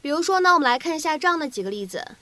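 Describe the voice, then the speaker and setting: A woman whose first language is Chinese teaches English pronunciation, explaining each sound and slowly repeating phrases for practice. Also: high-pitched, expressive, sharp tone, no room sound, poor audio. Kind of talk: explanatory lesson narration.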